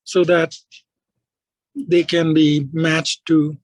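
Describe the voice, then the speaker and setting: This man talks on the high side of the male range. The sound is dry and close, with no room around him. He explains his points casually in a remote work meeting, leaning on frequent fillers. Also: flat delivery, drawn-out words, dry recording, low-quality recording. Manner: informal, explains with many fillers. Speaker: meeting participant.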